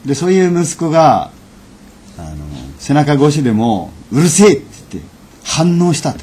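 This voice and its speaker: A man giving a lecture and telling an anecdote in a measured, unhurried way, with frequent fillers. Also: on the high side, very animated, mellow, a little hiss or hum. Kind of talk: storytelling lecture.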